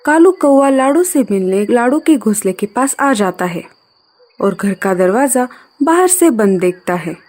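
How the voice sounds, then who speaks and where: A woman narrating a scripted cartoon story in an expressive storytelling manner. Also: fairly high pitch, measured pace.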